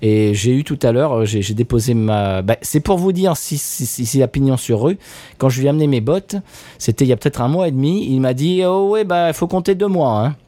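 A man's voice: medium pitch, a little fast, mellow, no echo. A man hosting a podcast, chatting casually to listeners with many hesitations and a playful tone. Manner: hesitant with frequent "euh", playful. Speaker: podcast host.

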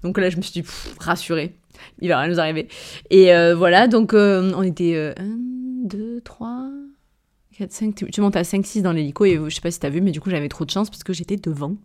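Brisk and a little mellow, a lowish female voice shares a personal anecdote on her podcast. The host, an entrepreneur with a southern French Avignon accent, is chatty and meandering, full of hesitations, self-corrections and quick laughs, and speaks to the listener as a friend.

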